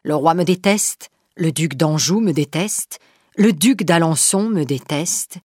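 A woman's voice: deep voice, slow, darkish tone, slightly rough, no echo, clean studio sound, full character voice. A woman voicing an ironic wary French king. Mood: earnest. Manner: ironic, probing.

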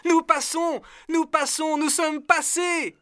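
A high, eager young servant. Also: male voice, animated, normal speed, bright, forceful tone, no room sound, studio quality. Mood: excited. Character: loyal devoted young male servant, cheerful. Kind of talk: storybook reading.

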